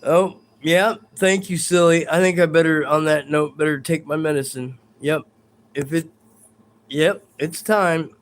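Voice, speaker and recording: Male stream host, unhurried, somewhat high-pitched, hesitant and rambling, addresses viewers directly. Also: steady tone. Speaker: livestream host. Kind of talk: live paranormal stream chat. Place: bedroom at home.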